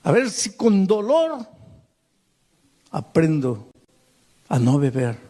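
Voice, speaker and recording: A man's voice: on the high side, wildly swooping pitch, slow pace, warm tone, pitched above the performer's own voice, full character voice. A man preaching, voicing a drunken man who cries and pleads in shame. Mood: tearful. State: crying. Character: drunken man, tearful and ashamed.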